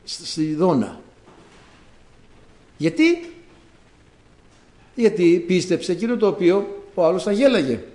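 A man's voice: high voice, animated, few pauses, dark tone, roomy sound. A male preacher giving a sermon, telling stories dramatically and acting out the quotes. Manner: dramatic storytelling with acted-out quotes.

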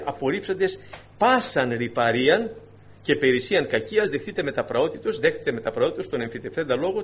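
In a mid-range voice, a preacher talks to his congregation in a lively, conversational way. Every so often he erupts with sudden emphasis, and he keeps calling them dear brothers.

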